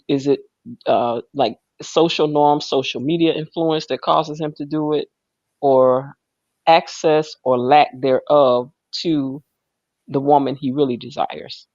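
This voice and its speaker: A rumbling low, slightly mellow voice belongs to a playful woman who co-hosts a gossip show, teasing with a sing-song lilt in casual conversation. The sound is dry and echo-free but dull and lo-fi.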